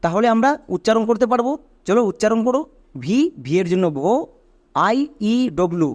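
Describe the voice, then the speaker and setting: Guy with a pretty high voice doing a slow careful phonics lesson, spelling stuff out letter by letter. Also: expressive. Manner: patient, spells words letter by letter; checks understanding with quick questions. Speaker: English pronunciation teacher.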